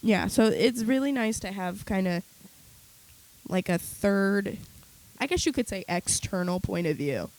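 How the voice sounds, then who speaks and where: A woman's voice: mid-range voice, a little slow, low-quality recording. Blunt, sweary young woman podcast co-host. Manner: swears freely, blunt and animated. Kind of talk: casual chat.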